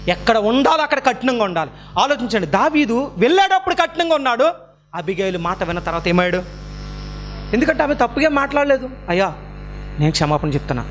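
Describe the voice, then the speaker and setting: A man's voice: high voice, a bit bright. A man preaching a sermon as pastor, firing rhetorical questions at the congregation and repeating his key phrases for emphasis.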